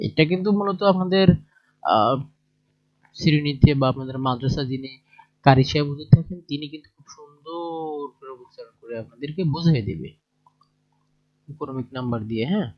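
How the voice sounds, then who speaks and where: A man with a Bangladeshi Bengali accent talks through a textbook lesson, pausing to ask his listeners whether they follow. His voice sits a little high. The recording sounds dull and lo-fi. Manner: plain explanatory talk with fillers and checking questions. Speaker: teacher.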